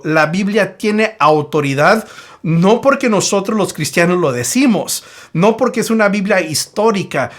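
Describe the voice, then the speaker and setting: A man's voice: high voice, fairly bright tone. A man giving a Bible teaching video, explaining a Greek word step by step and repeating his main points with emphasis.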